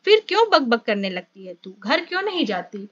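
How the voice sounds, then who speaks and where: A woman's voice: fairly high pitch, big pitch swings, normal speed, no room sound, highs cut off. Woman reading as a stern weary peasant farmer. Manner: stern, restrained.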